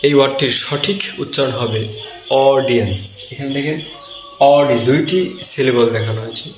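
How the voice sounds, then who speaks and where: A man giving a pronunciation lesson, speaking slowly and deliberately and repeating words syllable by syllable. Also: medium pitch, faint music behind. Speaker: English pronunciation teacher. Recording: echoey room with faint background hum.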